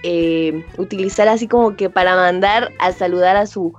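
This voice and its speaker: A woman's voice: on the low side, normal speed, dull audio, faint music behind. A woman from Comitán, Chiapas, with a mild Chiapas Mexican accent, a guest in a casual interview, chatting with fillers and frequent laughter.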